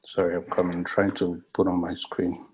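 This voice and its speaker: A man joining a video call as a guest speaker, talking haltingly with many fillers. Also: deep voice, completely flat delivery, a little mellow, breathy edge.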